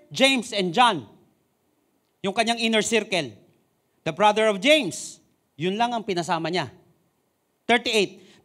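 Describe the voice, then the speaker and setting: Animated, high-voiced Filipino preacher. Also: male voice. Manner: animated preaching mixing Tagalog and English, reads scripture slowly. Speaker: pastor. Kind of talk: sermon.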